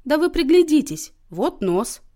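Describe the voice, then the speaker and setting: Woman doing an excitable chatty guest. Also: high-pitched, measured pace, pitched above the performer's own voice. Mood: eager. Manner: eager and excitable.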